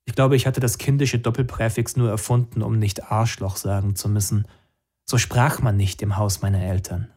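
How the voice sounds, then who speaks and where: A man narrating an audiobook in the first person, in an even storytelling way. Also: fairly low pitch, normal speed.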